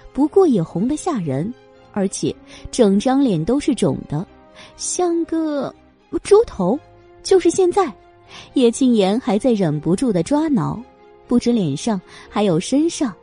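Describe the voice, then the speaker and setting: A woman narrating a romance novel audiobook with expressive storytelling. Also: mid-range voice, slightly rough.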